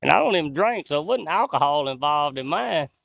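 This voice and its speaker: An outdoors livestreamer in his 40s walks through the woods at night, phone on a handheld gimbal, chatting casually and reading out viewers' comments in a folksy manner. His voice is fairly high, creaky, and fairly bright, with lively intonation and a slightly fast pace.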